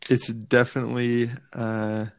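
Brief: male co-host, unhurried, gravelly fry, jokey banter. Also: medium pitch, monotone, no room sound. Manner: slow, hesitant, jokey. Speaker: podcast co-host. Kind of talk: casual podcast chat.

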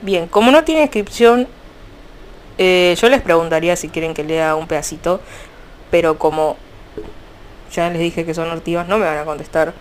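A young woman with an Argentine accent, chatting casually about fanfiction in a rambling, animated way. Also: lowish voice, normal speed, long pauses. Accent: Argentine Spanish. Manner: chatty, rambling, frequent restarts and fillers. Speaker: fanfiction vlogger. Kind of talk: casual chat.

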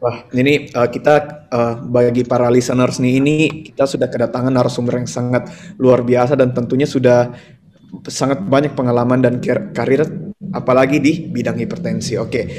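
A man's voice: medium pitch, flat delivery, normal speed, darkish tone, a little hiss or hum. A young man co-hosting a student podcast, upbeat and casual, slipping English words into his talk. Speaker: podcast co-host.

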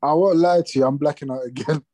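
A man's voice: on the high side, fast talker, a loud crowd. A man, chiming in with casual banter among friends.

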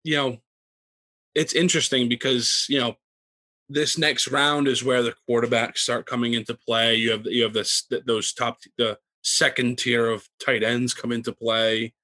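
Bright rambling male podcast co-host. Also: medium pitch, flat delivery, moderate pace. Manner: rambling with many fillers and restarts. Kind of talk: casual fantasy football chat.

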